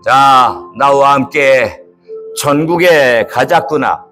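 A man voicing a kindly angel from heaven, speaking slowly and soothingly like a father, in a church puppet show. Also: medium pitch, a bit bright, faint music behind. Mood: gentle.

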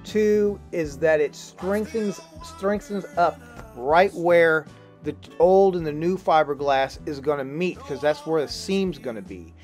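A middle-aged man who vlogs his boat refit explains a repair step by step in a relaxed how-to style, his voice a little high and unhurried. He's outdoors under a hull in a boatyard, recorded close up on a handheld camera, with soft music in the background.

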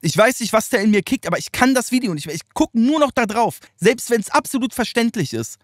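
A man's voice: very high voice, big pitch swings, brisk, dry recording, clean studio sound. A man giving loose, slangy reaction commentary, chatting and laughing often. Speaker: streamer reacting to rap videos.

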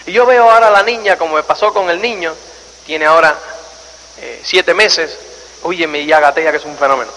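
Bright high-voiced man speaking in a hall. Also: fairly quick. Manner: animated storyteller, acts out scenes and asks the audience rhetorical questions. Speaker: motivational speaker. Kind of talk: live seminar talk to an audience. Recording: reverberant hall with faint noise.

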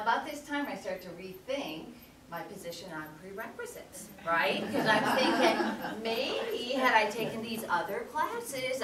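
A middle-aged woman giving a storytelling lecture as guest speaker, animated and often checking in with the audience by asking "okay?". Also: a little high. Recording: echoey hall, distant mic, background noise.

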